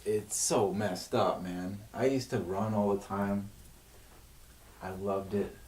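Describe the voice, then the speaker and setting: Man streaming alone, venting on mic, lots of swearing and restarts. Fairly low voice, heard from a few feet back. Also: darkish tone. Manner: agitated, swears heavily, rants with frequent restarts. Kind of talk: unscripted venting monologue on a livestream. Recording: echoey room, mic at a distance, faint noise.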